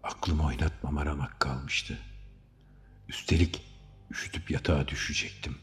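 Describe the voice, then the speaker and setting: Very deep-voiced male storyteller. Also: steady tone, normal speed, a bit bright. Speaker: audiobook narrator. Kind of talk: first-person story narration. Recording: long hall reverb.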